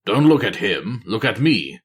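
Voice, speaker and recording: A weary veteran spy master, as a man reads him aloud, speaking in a low, quiet murmur with a dry, wry edge. His voice swings up and down through its range even as it stays hushed. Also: a little slow, husky, heavily acted. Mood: coaxing. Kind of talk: audiobook-style character reading.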